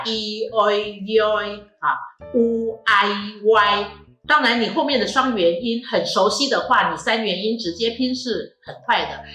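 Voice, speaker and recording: A woman's voice: medium pitch, fairly bright tone. Echoey-voiced woman teaching pronunciation. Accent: Taiwanese Mandarin. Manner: patient, drills sounds slowly and repeats them. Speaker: language teacher. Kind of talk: phonetics lesson.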